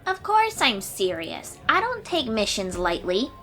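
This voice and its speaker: A woman with a slightly high, bright voice and huge pitch swings plays a confident, eager young sea-dweller warrior in a fantasy audio roleplay, with music behind her. Heavily acted and unhurried, she speaks expressively and informally to the listener, sounding earnest and determined.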